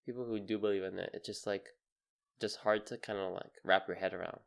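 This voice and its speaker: A man's voice: on the low side, steady tone, a little fast, gravelly. A young man co-hosting a casual podcast chat, speaking hesitantly and laughing often. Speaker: podcast co-host.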